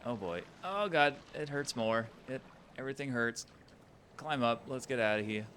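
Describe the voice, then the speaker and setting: A man's voice: mid-range voice, steady tone, normal speed, fairly bright tone, a little hiss or hum. A man giving casual let's-play commentary, muttering wry reactions as he plays a video game.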